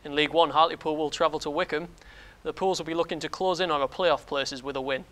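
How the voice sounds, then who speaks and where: Fast-reading male sports presenter. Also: on the high side, steady tone, fairly bright tone. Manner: brisk read, occasional slips. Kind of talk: scripted news reading.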